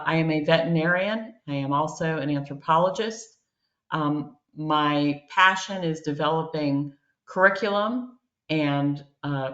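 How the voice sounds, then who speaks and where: A woman's voice: low voice, fairly bright tone. A woman professor introducing herself in an online meeting, friendly and upbeat. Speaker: professor, co-chair. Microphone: video call. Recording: echoey, dull video call audio.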